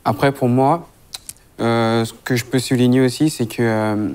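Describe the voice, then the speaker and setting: A man in his twenties from France, speaking in a measured way with many pauses in a casual group discussion. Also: medium pitch, fairly even intonation, darkish tone, smooth. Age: 20s. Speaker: discussion participant.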